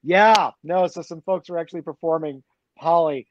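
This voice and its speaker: Chatty man with a higher voice. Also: muffled recording, a little hiss or hum. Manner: chatty, halting with many restarts and laughs. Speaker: graphic novel author. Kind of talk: casual conversation.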